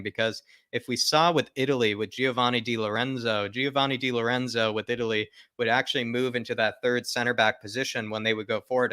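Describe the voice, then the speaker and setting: His medium-pitched voice is bright and forceful as he hosts a football fan livestream, reading viewer comments aloud. He talks casually and emphatically, often repeating phrases for stress, in a dry recording.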